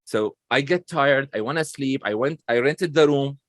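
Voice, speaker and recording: A man's voice: medium pitch, normal speed, dry recording. A man with a non-native English accent, a chatty, self-deprecating guest telling stories in a casual interview.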